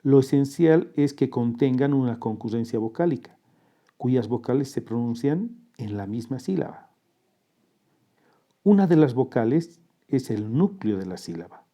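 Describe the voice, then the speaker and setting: With a very dark, mellow voice pitched in the ordinary middle range, a male teacher narrates a scripted lesson. He is calm and methodical, taking each example step by step and splitting words into their parts.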